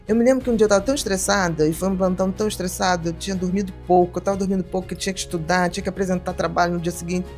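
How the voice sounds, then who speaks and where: A middle-aged woman, a psychiatrist telling stories in a casual podcast conversation, lively and acting out the people she quotes. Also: fairly low pitch, rapid-fire, hardly any pauses, soft background music. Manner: animated storyteller, acts out quoted voices. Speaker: psychiatrist guest.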